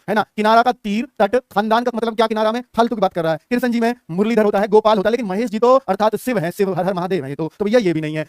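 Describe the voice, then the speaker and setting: A man teaching an online exam-prep class, talking fast and animated and addressing his students directly. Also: sits high, no room sound, clean studio sound.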